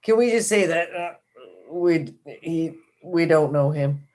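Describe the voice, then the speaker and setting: A woman's voice: low-pitched, takes it slowly, a little mellow. A woman playing a tabletop game, playful and giggly, firing off questions. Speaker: player. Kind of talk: casual tabletop play.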